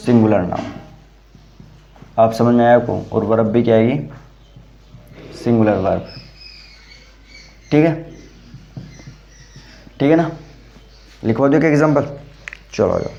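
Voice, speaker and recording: A man's voice: medium pitch, dark tone. Patient man teaching an English grammar lesson. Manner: explains step by step, asks "samajh mein aaya?"; calls students "beta", repeats "theek hai". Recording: dull lo-fi sound.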